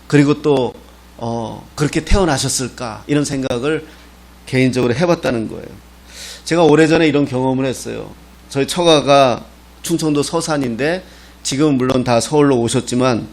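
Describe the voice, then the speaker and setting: A middle-aged man, a pastor from Gangwon Province, preaching a sermon in a folksy, storytelling manner with touches of humor. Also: medium pitch. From Gangwon Province, Korea.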